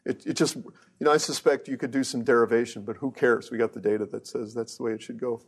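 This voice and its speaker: A man's voice: mid-range voice, fairly even intonation, fast, background noise. A middle-aged man, a research engineer, giving a casual technical lecture with joking asides and frequent restarts.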